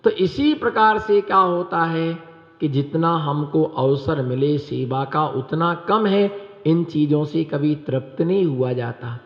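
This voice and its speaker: Man, monk preacher, high voice, quizzes his listeners, echoey hall. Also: slow pace. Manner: rhetorical questions to the audience, repeats phrases. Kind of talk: sermon with storytelling. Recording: echoey hall, dull sound.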